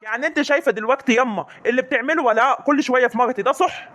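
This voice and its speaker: A man's voice: extremely high pitch, rapid-fire, bright, forceful tone. A man with an Egyptian accent playing an angry young husband who demands answers from his family in a comic drama. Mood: indignant. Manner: indignant, demanding.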